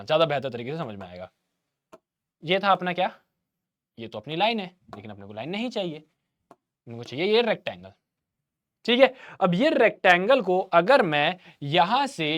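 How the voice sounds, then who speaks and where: Upbeat male maths teacher, high bouncy voice, chatty with students. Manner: lively Hindi teacher, addresses students as bhaiya, voices their replies. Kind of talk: online revision class.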